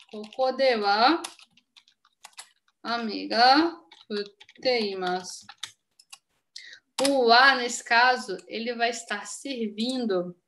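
A woman's voice: a little high, a bit bright. A woman with a Brazilian Portuguese accent giving a casual live-stream language lesson, chatty and full of examples, often checking that viewers follow. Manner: chatty, explains with many examples and check-ins. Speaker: Japanese teacher.

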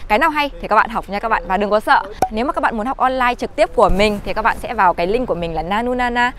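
A young woman from Vietnam teaching German in a casual vlog, chatting to viewers and slowing down to say each example sentence. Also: a little high, fairly bright tone, slight background noise. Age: young adult. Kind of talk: casual language lesson vlog.

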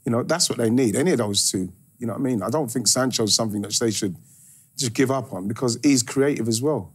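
A man's voice: mid-range voice, fast, slightly rough. A man in his sixties chatting through football analysis in a TV studio, laughing between points. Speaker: football pundit. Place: large TV studio.

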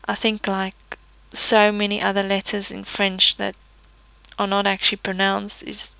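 Slow, gravelly woman teaching pronunciation. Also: mid-range voice, completely flat delivery, pushed and bright, dry recording, low-quality recording. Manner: patient, explains each letter with example words. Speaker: language teacher. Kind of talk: slow, careful pronunciation lesson.

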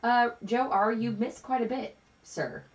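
A woman's voice: on the high side, measured pace, lo-fi sound. A woman co-hosting a live card break, reading out viewer comments and teasing her co-host. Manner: reads out chat comments and teases her co-host. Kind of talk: casual live stream chat.

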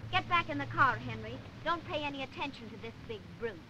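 Polite young lady, high pitched, 1930s movie, clear background noise. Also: animated, a little fast. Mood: brisk. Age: young adult. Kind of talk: 1930s film acting. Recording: noisy 1930 film soundtrack.

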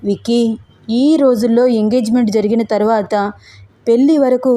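A woman's voice: on the high side, fairly even intonation, moderate pace, dark tone, no room sound, clean studio sound, lightly acted. A woman playing a teasing, coy young fiancée.

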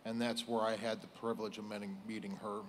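An American man in his forties delivers a prepared funeral speech in a solemn, measured way, pausing between short phrases as a police chief at a lectern. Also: on the low side, little pitch movement, slight background noise, poor audio. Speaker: police chief giving a eulogy. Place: indoors on a stage at a lectern. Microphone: lectern microphone.

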